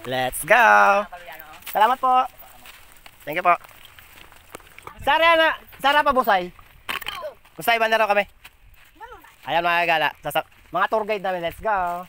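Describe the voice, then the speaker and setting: A man's voice: high voice, lively intonation, a little slow, long pauses, a little hiss or hum. A man vlogging on a rural hike, cheerful and chatty, cheering and thanking people along the trail. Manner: upbeat, shouts greetings, laughs often. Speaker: travel vlogger. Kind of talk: excited casual vlog chatter. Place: outdoors on a rural forest trail.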